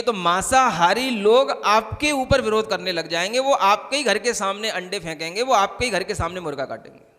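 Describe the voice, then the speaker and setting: Male monk, high bright voice, chatty sermon, long hall reverb. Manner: conversational preaching, keeps asking "समझ आ रहा है?". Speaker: Jain monk.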